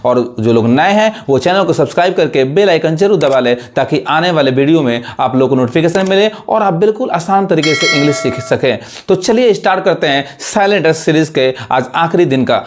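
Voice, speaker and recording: A man teaching English pronunciation, who repeats example words and keeps checking whether learners follow. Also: a little high. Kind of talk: classroom lesson.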